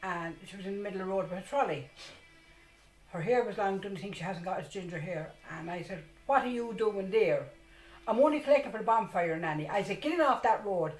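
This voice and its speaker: A woman in her sixties with an Irish accent, telling childhood stories in a lively, laughing way. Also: mid-range voice, a little fast, faint music behind. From Ireland. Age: 60s. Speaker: interviewee. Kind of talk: casual storytelling. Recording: echoey room.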